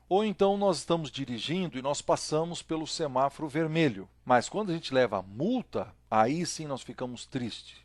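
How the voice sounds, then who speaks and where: A man teaching a casual church discipleship lesson, explaining ideas with lively everyday stories and rhetorical questions. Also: mid-range voice, no echo, clean studio sound.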